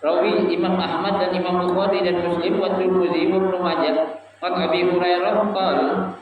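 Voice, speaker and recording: A man's voice: high voice, little pitch movement, normal speed, a little hiss or hum. A man teaching a religious study group, asking the audience questions and chanting Arabic phrases in a sing-song. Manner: asks the audience questions and lets them answer. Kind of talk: Islamic study lesson to a live group. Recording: echoey room, voice from far off, dull sound.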